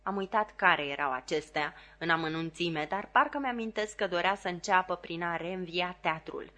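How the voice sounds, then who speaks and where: A woman narrates a novel in calm, steady audiobook style. Her voice sits somewhat low for a woman. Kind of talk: scripted narration.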